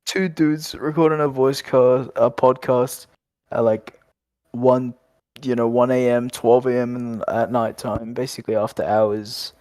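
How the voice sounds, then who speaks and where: This is a young man with an Australian accent chatting late at night on a podcast, loose and rambling and quick to laugh. His voice sits at an ordinary middle pitch, and the close mic sounds dry with no room around it. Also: steady tone, a little mellow, no echo. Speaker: podcast co-host. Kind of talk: casual late-night chat.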